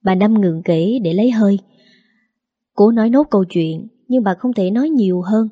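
A woman narrating a sad family story in a gentle, steady way. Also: medium pitch, normal speed, slightly rough, no room sound, clean studio sound. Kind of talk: scripted narration.

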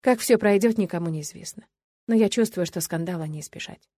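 A woman reading a first-person story in an even, expressive voice. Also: on the low side, fairly quick, no room sound. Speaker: audiobook reader. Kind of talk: first-person audiobook narration.

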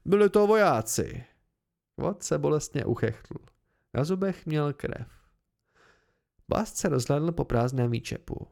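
A man narrating a novel as an amateur audiobook reading, in a low, measured way. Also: animated, vocal fry, a little mellow.

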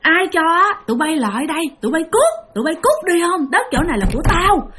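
A woman's voice: very high voice, very animated, fairly quick, background noise, pitched above the performer's own voice. A woman voicing a furious bloodied female ghost who curses and chases intruders off her land, with a Southern Vietnamese accent. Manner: shrieking, cursing, chasing off intruders.

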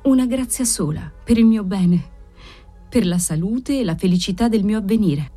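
A woman's voice: medium pitch, expressive, moderate pace, dark tone, slightly rough, faint music behind. A woman reading aloud who voices a frail, devout young noblewoman, sometimes delirious and sometimes tender. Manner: delirious, crying out, then tender.

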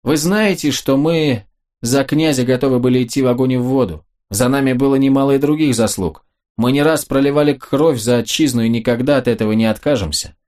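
A man's voice: mid-range voice, a little fast, darkish tone, natural voice. Male reader voicing a proud nobleman officer, urgent and reproachful, audiobook role. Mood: earnest.

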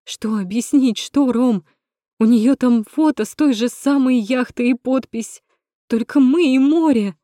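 A woman voicing a hysterical young woman who shrieks and yells in a fit of jealousy in an audiobook. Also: high-pitched, unhurried, no echo, clean studio sound, pitched above the performer's own voice. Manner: shrieking, voice cracking from yelling.

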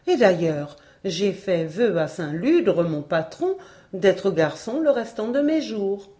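A woman's voice: medium pitch, very animated, takes it slowly, warm tone. Woman reading as a frightened stubborn shepherd. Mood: protesting. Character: humble young shepherd man, frightened, stubborn. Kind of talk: storybook reading.

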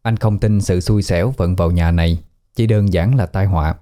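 A man narrating a ghost story in a calm, even audiobook reading. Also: deep voice. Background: faint background music.

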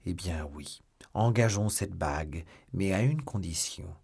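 A weary noble musketeer speaks gravely and with measured calm. A man reads him in a storybook in a low, husky voice. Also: heavily acted.

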